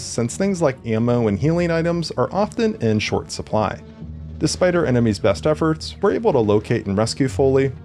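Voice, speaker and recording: Animated man narrating over music. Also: medium pitch. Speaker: video game reviewer. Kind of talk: scripted retrospective narration. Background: background music.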